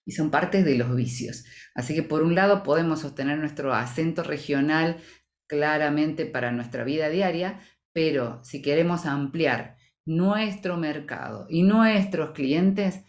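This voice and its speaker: A woman from Argentina speaks with a Rioplatense accent, her voice set quite low. She is a voice-over professional answering interview questions in an articulate, measured, explanatory way. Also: a little mellow. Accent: Rioplatense Spanish. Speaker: voice-over professional, association president.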